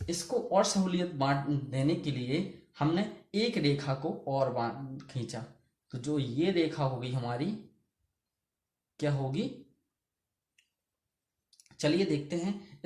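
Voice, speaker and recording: A man's voice: on the high side, a little mellow, echoey room. A man teaching a geography lesson who keeps asking the class questions and answering them himself. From India.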